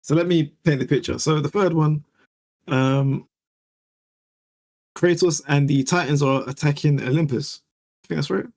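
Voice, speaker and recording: A young man co-hosting a podcast, his voice pitched a little above most men's. He talks in loose, casual chat, laughs often and drops into quoted voices while he paints a scene. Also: fairly even intonation, moderate pace, vocal fry, pauses often, darkish tone. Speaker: podcast co-host.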